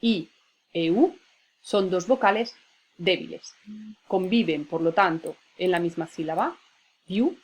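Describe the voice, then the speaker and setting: A woman's voice: fairly low pitch, lively intonation, measured pace, long pauses, breathy edge. A woman teacher, patiently explaining spelling rules and spelling out words syllable by syllable. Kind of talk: spelling lesson.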